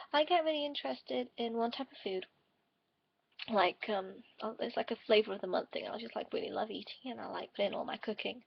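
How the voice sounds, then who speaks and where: A woman's voice: a little high, vocal fry. Tired, rambling young-sounding woman vlogger. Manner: rambling, subdued and quieter than usual. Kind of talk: casual vlog chat to camera. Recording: dull lo-fi dry home recording.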